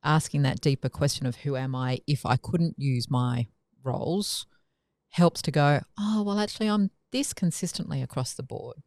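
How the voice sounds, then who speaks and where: A woman's voice: sits low, moderate pace, a little mellow, no room sound. A woman chatting on a podcast, thinking aloud in a reflective way and often restarting her sentences. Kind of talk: casual podcast conversation.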